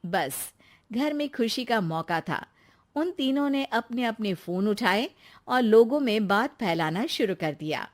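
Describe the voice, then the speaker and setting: A woman narrating a cartoon story in a steady storytelling manner. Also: a little high, a little slow.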